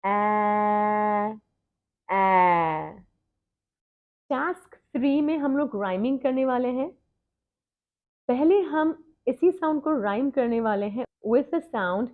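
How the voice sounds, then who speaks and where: A woman tutor leads a phonics lesson, pronouncing each sound and word slowly and then again. Her voice sits a little high and comes through a thin, phone-like line. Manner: slow, drawn-out modelling of sounds and words, repeated twice. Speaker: reading tutor. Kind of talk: phonics lesson mixing Hindi and English.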